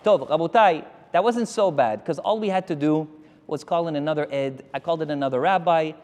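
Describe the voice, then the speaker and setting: A man, a rabbi, giving a Torah lecture to his congregation and telling stories with animated energy. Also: a little high, fairly quick, in a large hall. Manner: animated storytelling, addressing the crowd directly.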